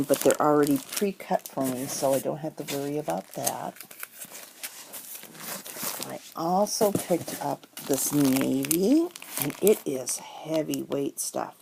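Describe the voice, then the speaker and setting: Slow, gravelly middle-aged woman. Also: low voice. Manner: chatty, rambling with many ums. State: has the hiccups. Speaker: crafting vlogger. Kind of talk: casual haul video. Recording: noisy home recording. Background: paper crinkling and rustling.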